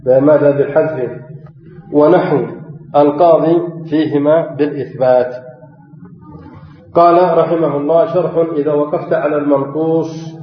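A man's voice: a little high, steady tone, moderate pace, slight background noise. A man teaching a grammar lesson, quizzing his students, repeating key phrases and chanting quoted verses and examples. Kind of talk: classroom lesson, reading a text and explaining. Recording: dull, echoey hall with long reverb.

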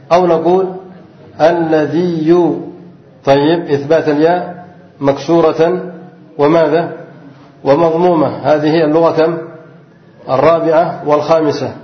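A male grammar teacher lectures in a reverberant room, his voice slightly raised in pitch. He reads a text aloud, stops to ask his students questions and answers them himself, repeating the main points. The recording is muffled and lo-fi. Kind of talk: classroom lecture, reading and explaining a text.

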